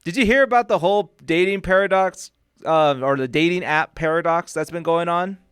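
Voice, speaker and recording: A man's voice: a little high, brisk, fairly bright tone, clear, resonant tone, dry recording, studio quality. A man co-hosting a radio station podcast, laid-back and joking, laughing often. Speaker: podcast co-host. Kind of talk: casual chat.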